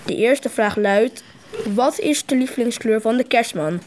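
A young girl reading a storybook aloud in a soft, steady voice. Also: fairly high pitch, unhurried, slight background noise. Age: child. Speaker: podcast co-host.

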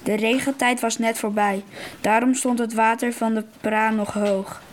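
Slow flat-voiced woman reading aloud. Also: on the high side. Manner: slow, halting reading with repeats. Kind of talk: reading a book passage aloud.

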